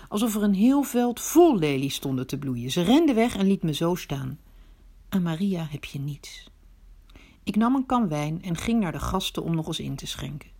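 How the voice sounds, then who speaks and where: A woman giving a dramatic first-person storytelling monologue. Her delivery is expressive, swinging between hushed, near-whispered asides and indignant outbursts. Her pitch sits in the middle but moves in a very lively way.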